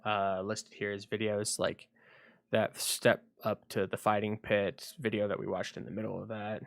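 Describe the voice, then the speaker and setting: A man talks through a casual livestream from his computer at home, thinking aloud and pausing often as he goes. His voice sits on the low side. The sound is dry, with no room echo. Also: level tone, creaky. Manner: rambling, thinking aloud with frequent pauses. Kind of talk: casual solo livestream chat.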